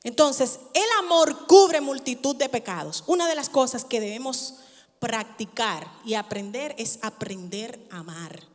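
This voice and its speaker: A woman pastor preaching a sermon in a church, expressive, with humor and sarcasm. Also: a little high, unhurried. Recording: church hall reverb.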